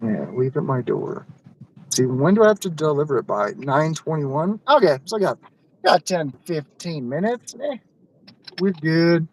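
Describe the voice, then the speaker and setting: A man's voice: fairly high pitch, big pitch swings, a little slow, darkish tone, a little hiss or hum, poor audio. Easygoing chuckling man. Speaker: delivery driver streamer. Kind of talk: casual live-stream chat.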